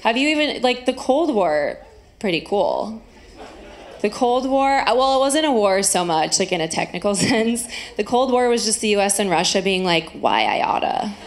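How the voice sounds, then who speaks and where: A woman performing stand-up comedy into a stage microphone, with dry, conversational joking and drawn-out punchlines, to audience laughter. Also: mid-range voice, animated. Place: live comedy venue. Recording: roomy live stage sound with crowd noise.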